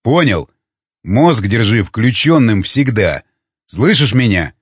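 Man doing a stern, low-voiced searcher. Husky and blunt. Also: very animated, slow, no echo, highs cut off, full character voice. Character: gruff steady adult male searcher.

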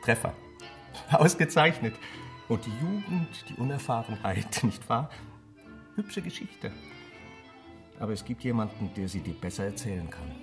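With a mid-range, very animated voice at a normal pace, pausing often, a radio-play actor taunts his friend through theatrical rhetorical questions. His character is sardonic and chatty, and music plays in the background.

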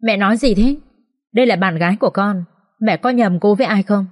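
A woman's voice: mid-range voice, fairly quick, natural voice. Woman playing a worried young son, urgent and pleading. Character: anxious devoted young man.

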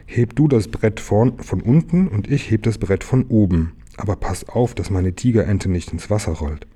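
A man's voice: fairly low pitch, moderate pace, mellow, husky. A man voicing an easygoing little male tiger in a children's storybook reading, drawing out his words as he marvels. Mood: busy.

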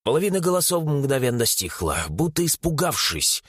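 A man giving animated, dramatic narration of a fantasy audiobook. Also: on the high side, normal speed, slightly rough, no echo, clean studio sound.

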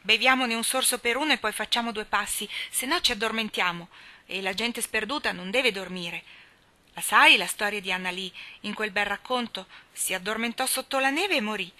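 A woman voicing a bold, impatient and imaginative little girl in a storybook reading, bossy and quick-tempered. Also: medium pitch, pushed and bright.

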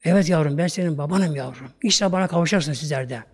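A man's voice: fairly high pitch, fast, a little mellow, breathy edge, long reverb tail, voice pushed down. A man voicing the spirit of a martyred father who speaks tenderly to his child and keeps calling him "my child.". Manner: tender, pleading, repeats "my child". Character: dead martyr father, gentle and loving.

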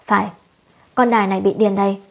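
A woman voicing a sharp-tongued young village wife who scolds and curses shrilly, in a storybook reading. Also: mid-range voice, level tone, fast talker, gravelly. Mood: furious.

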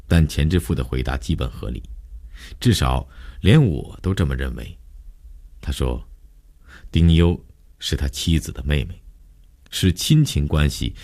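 Very deep-voiced male novel narrator. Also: darkish tone. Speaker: audiobook narrator.

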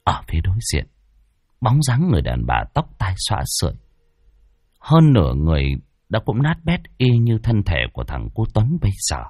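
A man's voice: lowish voice, wildly swooping pitch, normal speed, dark tone, husky, dry recording, studio quality. A man narrating a horror story in a dramatic, ominous way.

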